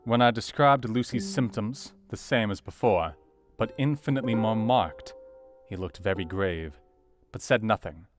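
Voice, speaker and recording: An actor playing an earnest, educated Victorian doctor, narrating his diary in a measured, formal way for an audio drama. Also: lowish voice, close to an everyday voice. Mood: grave, reflective. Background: soft guitar music.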